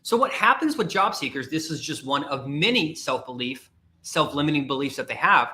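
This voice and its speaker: This career podcast host and coach has a fairly high, sharp voice with lively intonation and a brisk pace. In a motivational livestream, he repeats himself for emphasis and confronts listeners head-on.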